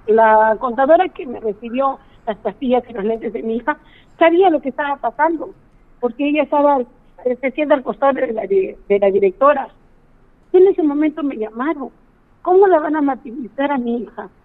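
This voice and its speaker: A woman's voice: high-pitched, animated, fairly quick. A middle-aged woman, calling in to a radio show to complain, indignant and pleading as she tells her story. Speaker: caller. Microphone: phone. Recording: tinny phone line on radio.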